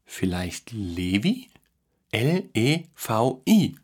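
A man voicing a curious, excited young boy who spells words out slowly. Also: medium pitch, pitched above the performer's own voice. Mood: guessing eagerly.

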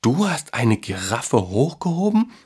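A man voicing a curious, excited young boy who spells words out slowly. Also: mid-range voice, voice pushed up. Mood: amazed.

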